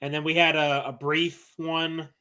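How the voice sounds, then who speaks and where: A man's voice: a little high, little pitch movement, bright, forceful tone. A man hosting a podcast, bantering and teasing his co-hosts in casual chat. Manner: jokey, teasing, quick comebacks. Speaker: podcast host.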